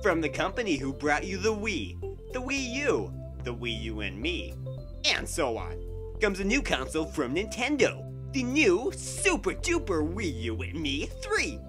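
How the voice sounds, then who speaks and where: Female parody ad announcer, acted by a woman, low voice, hugely animated range, music behind. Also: measured pace. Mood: promotional. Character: hyped commercial announcer in a parody console ad. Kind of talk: scripted ad narration.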